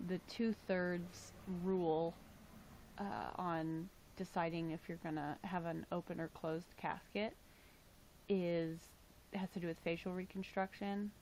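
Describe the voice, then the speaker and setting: A woman's voice: fairly low pitch, a little mellow, slight background noise, rough recording. A young woman casually chatting on her livestream, reading chat aloud and filling her talk with "like" and "um", her voice tired. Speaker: livestream host.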